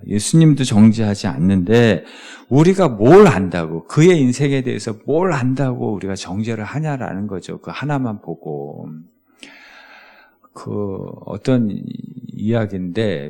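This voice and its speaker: A man's voice: fairly low pitch, dark tone. A male pastor giving a conversational sermon, often asking his listeners rhetorical questions.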